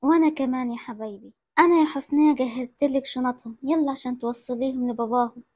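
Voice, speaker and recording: Distraught young Egyptian mother, played by a woman, high and quick, with music under her. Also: darkish tone, no room sound. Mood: sad. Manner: pleading, tearful.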